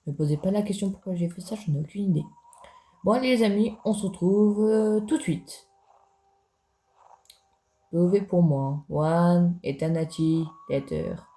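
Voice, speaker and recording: A man's voice: high-pitched, normal speed, long pauses, mellow. A man giving casual gameplay commentary as a gaming YouTuber, chatty and jokey, talking straight to his viewers.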